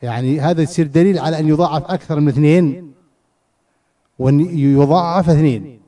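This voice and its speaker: A man's voice: on the high side, quick pace, dark tone. A man teaching a classroom lesson on scripture and grammar. He asks his students questions, repeats phrases and often restarts his words. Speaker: teacher of Quranic exegesis and grammar.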